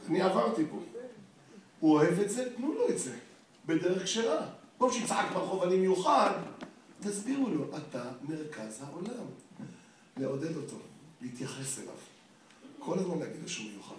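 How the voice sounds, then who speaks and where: A man giving a lecture to parents, lively and firing rhetorical questions at his listeners. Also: sits high, a little hiss or hum. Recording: very echoey hall, distant mic.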